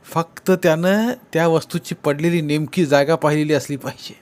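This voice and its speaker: Man doing a sly middle-aged village headman, probing, needling, slightly high voice, storybook reading. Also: fairly even intonation, normal speed, darkish tone, close to an everyday voice. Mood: cold.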